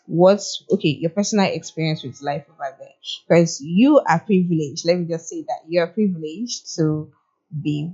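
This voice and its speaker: A woman's voice: on the low side, normal speed, dark tone, husky, dull audio. A woman hosting a casual interview, asking chatty questions with light laughter. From Nigeria. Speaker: host.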